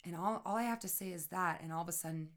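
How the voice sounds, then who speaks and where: A woman with a notably low, deep voice talks through her own grief in a reflective personal monologue. She speaks softly and earnestly, often sinking to a hushed near-whisper, and keeps checking in with the listener. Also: fast.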